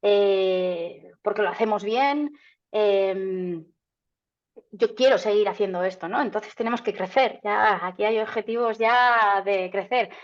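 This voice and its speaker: A woman's voice: medium pitch, measured pace. A woman, a marketing agency founder from Canada, answering interview questions in a chatty way with many fillers and restarts. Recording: slightly dull lo-fi sound.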